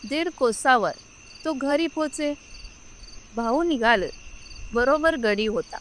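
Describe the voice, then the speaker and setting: A woman reads a story aloud in a slow, measured and solemn way. Her voice sits fairly high, and each phrase comes unhurried. Faint crickets and insects chirp in the background. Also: expressive, fairly bright tone, a little hiss or hum. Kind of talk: scripted narration of a Marathi story.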